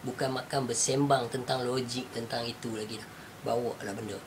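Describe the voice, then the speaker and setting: A man's voice: medium pitch, steady tone, brisk, background noise. A man with a Northern Malaysian Malay accent, telling a spiritual teaching story in a casual chat, acting out the people he quotes and laughing often.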